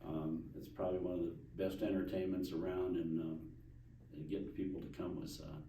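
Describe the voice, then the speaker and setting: A man's voice: sits low, flat delivery, fairly quick. A man talking conversationally as an event organizer in an interview. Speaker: gathering organizer, interview guest. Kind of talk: casual conversational interview talk. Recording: roomy, distant mic, faint noise.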